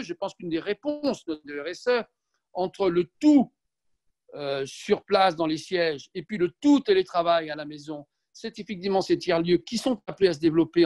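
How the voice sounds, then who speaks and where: A man speaking on a panel discussion in a formal, deliberate tone. His voice sits high for a man.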